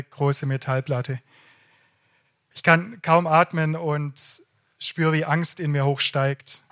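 Man slowly recounting a personal story. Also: fairly high pitch, fairly bright tone. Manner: slow, halting, stammering. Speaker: show participant.

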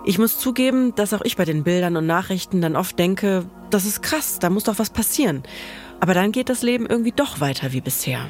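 A woman hosting and narrating a podcast, telling the story in a lively, personal way. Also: mid-range voice, a little fast, faint music behind.

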